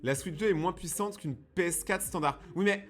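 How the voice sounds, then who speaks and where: A young man streaming from his own studio, talking casually with his chat in a quick, slangy, lively manner. His voice sits a little higher than most men's. He keeps reading viewers' messages aloud and answering them, with soft music playing behind him. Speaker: streamer and YouTuber.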